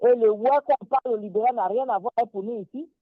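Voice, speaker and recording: A woman's voice: fairly high pitch, fast talker, no room sound. A woman with an Ivorian French accent giving impassioned political commentary, indignant and emphatic, hammering her points by repeating them. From Côte d'Ivoire. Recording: dry, tinny phone-like line.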